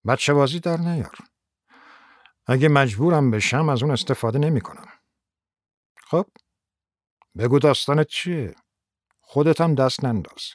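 A man reading the lines of a wary, guarded man holding a gun, speaking slowly and hesitantly in a slightly lowered voice. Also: no room sound, clean studio sound, close to an everyday voice.

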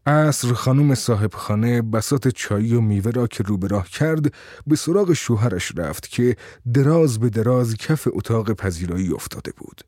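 A man narrating a short story as an audiobook, in a steady, measured reading voice. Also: mid-range voice, no echo, studio quality.

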